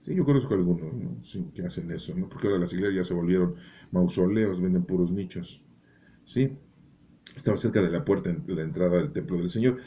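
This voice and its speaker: A man's voice: low-pitched, brisk, mellow. A man explaining a Bible chapter in a folksy, joking way, often tagging his remarks with a rhetorical question. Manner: folksy, joking, keeps asking "¿no?". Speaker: Bible teacher.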